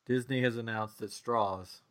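Bright-voiced man with a Tennessee accent. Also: mid-range voice, moderate pace. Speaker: podcast co-host. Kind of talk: casual banter.

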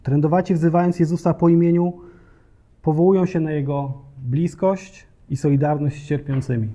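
A male preacher delivers a sermon in a church. His tone is earnest and direct, with a notably mellow, dark timbre and a slightly raised pitch. He pauses now and then with small hesitations. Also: steady tone. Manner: earnest, addresses the congregation directly, occasional hesitation fillers.

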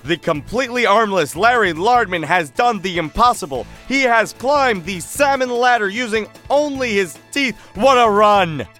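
A man voicing a sports announcer giving excited play-by-play in a comedy audio drama. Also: high-pitched, normal speed, few pauses, faint music behind. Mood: hyped. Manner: play-by-play commentary, building hype.

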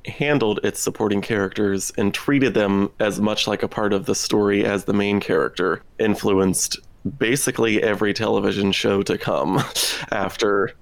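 A man co-hosts a podcast in a conversational way. His voice sits fairly low, with pronounced vocal fry running through it. The recording is dry, with very little room sound. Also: steady tone, moderate pace, dry recording. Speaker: podcast co-host. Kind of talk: conversational TV discussion.

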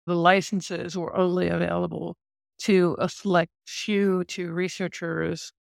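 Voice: mid-range voice, vocal fry, no echo, clean studio sound. A podcast co-host who interviewed a researcher, explaining things in a thoughtful conversational way with some restarts.

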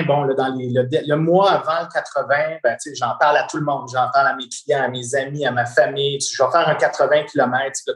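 A man with a Quebec French accent tells a long personal story as a guest, animated and often repeating words while he searches for the next one. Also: medium pitch. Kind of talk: casual storytelling conversation. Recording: roomy echo.

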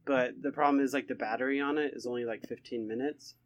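A man's voice: mid-range voice, steady tone, fast, a loud crowd. A young man co-hosting a casual podcast, talking eagerly and rambling, with a lot of "like". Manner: enthusiastic, rambling with many likes. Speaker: podcast co-host.

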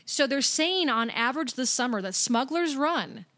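A woman's voice: sits high, lively intonation, moderate pace, fairly bright tone. A woman co-hosting a casual podcast, chatty and upbeat as she runs through news items. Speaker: podcast co-host. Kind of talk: casual podcast chat about theme parks.

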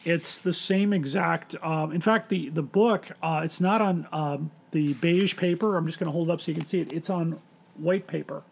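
A man's voice: on the high side, normal speed, vocal fry. A man hosting a casual podcast, rambling and hesitant with many restarts. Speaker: podcast host.

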